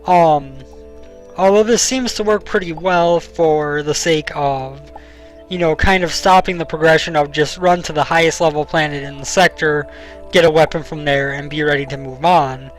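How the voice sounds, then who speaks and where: A young man narrates his game session in a relaxed, explanatory way, his voice sitting a little high. He fills pauses with ums while he has the hiccups. Faint game music runs underneath. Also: poor audio. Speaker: let's play host. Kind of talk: casual gameplay commentary.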